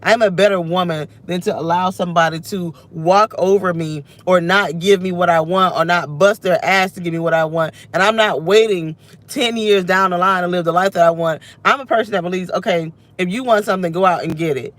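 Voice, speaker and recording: This is a personal vlog rant, unscripted, from a woman in her thirties parked in her car, her phone camera held near as she vents and keeps interrupting herself. Her scratchy voice is on the low side and a little fast, with no room sound.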